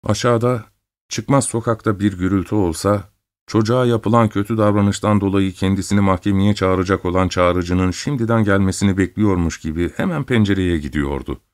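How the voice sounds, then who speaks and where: A man narrating a story in a measured, steady reading. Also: sits low, no room sound, clean studio sound. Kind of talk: audiobook narration.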